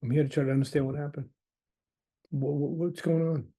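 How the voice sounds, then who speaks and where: Dark-voiced man, middle-aged, animated lecturer, somewhat high pitch. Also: brisk. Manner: animated storyteller, lively shifts in voice. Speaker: Jungian analyst teaching. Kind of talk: lecture with acted case story.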